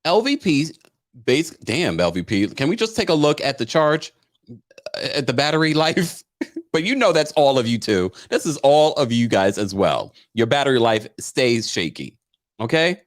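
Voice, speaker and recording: A man's voice: mid-range voice, very animated, normal speed. A man hosting a recap show, talking casually and gossipily to viewers, theatrical and emphatic, repeating phrases for effect. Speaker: host of reality TV recap show.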